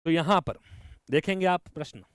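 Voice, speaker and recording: Enthusiastic male reasoning teacher, crisp voice. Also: fairly high pitch, normal speed, no room sound, studio quality. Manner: enthusiastic, talks to students directly, mixes in English terms. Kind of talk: online exam-prep lecture.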